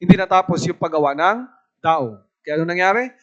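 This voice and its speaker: A high-voiced evangelist from the Philippines preaches to a youth camp. He keeps his talk lively and asks his listeners again and again whether they follow him. The recording sounds dull and lo-fi. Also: brisk. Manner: lively, asks the audience "tama po ba" often.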